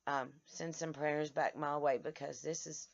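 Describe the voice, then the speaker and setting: Outdoors in the sun, a tired woman chats to her followers in a casual vlog, her hoarse voice sitting low with fairly even intonation. The recording is muffled, and she halts constantly, stammering, restarting, and breaking her speech into short phrases.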